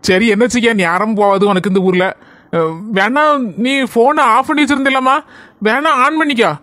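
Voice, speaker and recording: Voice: medium pitch, moderate pace, no room sound, clean studio sound, natural voice. A performer with a Kanyakumari Tamil accent voicing a caring, stoic village father in a cartoon. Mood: gentle. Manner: gentle advice, patient. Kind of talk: cartoon voice acting.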